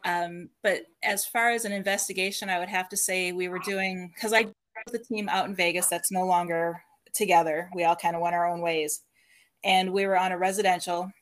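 A woman's voice: fairly low pitch, steady tone, a little fast, a bit bright. A woman guest on a podcast, casually telling stories about her paranormal work and laughing often between sentences. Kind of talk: casual storytelling interview.

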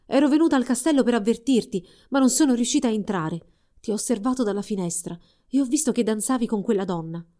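A woman's voice: fairly high pitch, lively intonation, fast talker, mellow, close to an everyday voice. A woman reading as a sorrowful enchanted princess. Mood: earnest.

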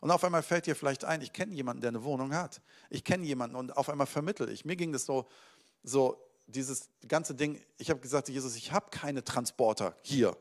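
A man preaching a sermon as a pastor, speaking with energy and swinging between loud emphasis and quiet asides. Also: mid-range voice, fairly quick.

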